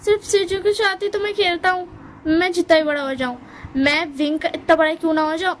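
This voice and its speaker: A stubborn teenage boy insists on his point in a high voice, as a woman voices him. The story is told aloud with faint noise behind. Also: steady tone, fairly quick. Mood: insistent.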